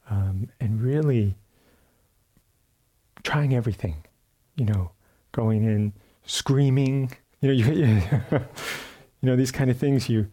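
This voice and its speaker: A man giving a dharma talk at a meditation retreat, telling a story in a relaxed way with many fillers and restarts, sometimes acting out sounds and quotes. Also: medium pitch. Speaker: meditation teacher. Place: retreat center meditation hall.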